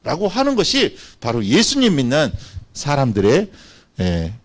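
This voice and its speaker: A man's voice: mid-range voice, huge pitch swings, unhurried. A man preaching a children's sermon, telling the story expressively and addressing the children directly. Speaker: children's pastor.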